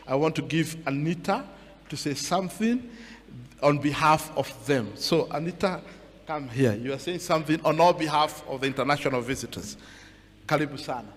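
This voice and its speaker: A man emceeing a launch event, mixing in Swahili as he calls guests forward. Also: a little high. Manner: mixes in Swahili, directs the crowd. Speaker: master of ceremonies. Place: event venue hall. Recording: reverberant hall with PA.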